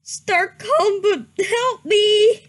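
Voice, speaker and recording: A woman with a very high voice stretches out her words while giving a comic, dramatic reading of fan fiction. Giggly throughout, she keeps breaking into helpless laughter and trips over misspellings, pronouncing them exactly as written.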